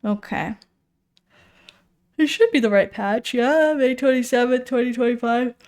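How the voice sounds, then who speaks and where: A woman's voice: a little high, fairly even intonation, unhurried, a little mellow. A woman streamer casually chatting while reading game patch notes, rambling and correcting herself as she goes. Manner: rambling, self-correcting, thinking aloud.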